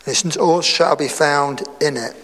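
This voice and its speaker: A male preacher with a notably high voice delivers a sermon in a relaxed, talkative manner, breaking off for asides and light jokes. His voice rings out with a long echo, recorded in a church hall before a congregation. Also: slow, slight background noise. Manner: conversational preaching with chatty asides and humor. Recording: reverberant hall.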